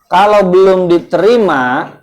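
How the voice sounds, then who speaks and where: A man's voice: high-pitched, measured pace, darkish tone, slight background noise. Chatty man teaching, quizzing his listeners. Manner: conversational, quizzes the listeners with questions. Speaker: ustaz teaching a religious study group. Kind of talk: casual religious lesson. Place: indoors at a home gathering.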